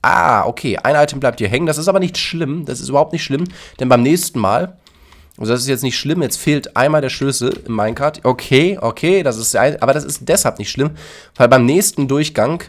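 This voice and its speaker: A man's voice: medium pitch, brisk. A man casually commenting on his Minecraft build and explaining it to his viewers. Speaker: YouTuber demonstrating a Minecraft build.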